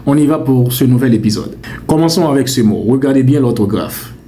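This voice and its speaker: Man slowly drilling French pronunciations. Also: medium pitch, mellow, a little hiss or hum. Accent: Haitian. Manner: emphatic, repeats words slowly to correct them; playfully scolding, calls mispronunciations mean. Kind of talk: direct-to-camera language lesson.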